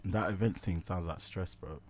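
Young man, London roadman accent, lowish pitch, interviewer, casual questions, street slang. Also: normal speed. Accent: London roadman, multicultural London English. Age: young adult. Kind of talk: casual chat, asking questions.

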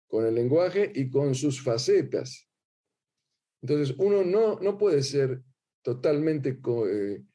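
A middle-aged rabbi with an Argentine Spanish accent delivers a religious lecture in a sing-song, teacherly style. His medium-pitched voice is very dark and somewhat husky, and he often repeats a word or two while looking for his next phrase.

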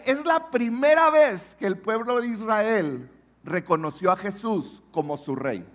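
A man's voice: very high-pitched, a bit bright. A man preaching a sermon as pastor, emphatic and putting questions to the congregation.

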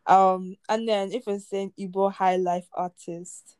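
A female podcast co-host in a dry, close recording touched by speech. She chats informally and with enthusiasm, at a medium pitch. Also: flat delivery, unhurried, a little mellow, clean tone, dry recording. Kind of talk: casual chat.

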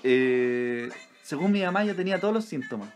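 A man's voice: a little high, animated, normal speed, soft background music. A man with a Chilean accent co-hosting a podcast, rambling through anecdotes in casual chat, full of slang and swearing. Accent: Chilean Spanish. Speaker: podcast co-host.

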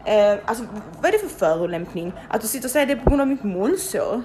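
Animated young woman telling a story. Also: on the high side, a little hiss or hum. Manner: animated, swears freely, acts out quoted people. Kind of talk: casual storytelling.

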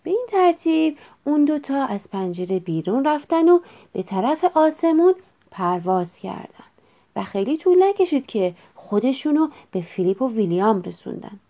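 A woman reading a children's story aloud in an expressive, measured way. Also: sits high. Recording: dull lo-fi recording.

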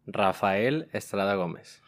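A man's voice: on the low side, animated, slow pace. A man, a podcast guest talking in an easygoing, casual way and laughing often. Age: 20s. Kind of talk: casual interview chat.

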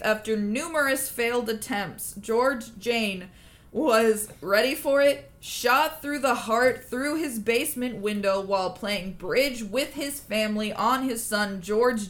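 A woman with a somewhat high voice hosts a casual true crime podcast. She tells the story with lively energy, swearing and laughing along the way. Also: slow.

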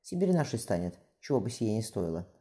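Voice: medium pitch, very animated, fairly quick, warm tone, natural voice. A reader voicing a ruthless old merchant patriarch with a curt, grating way of speaking. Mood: grim. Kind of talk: audiobook character voice.

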